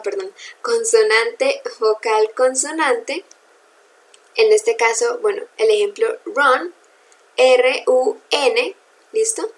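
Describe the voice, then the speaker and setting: A woman's voice: high voice, rough recording. A woman teaching English grammar in a recorded lesson, patiently spelling out letters and checking in with her students.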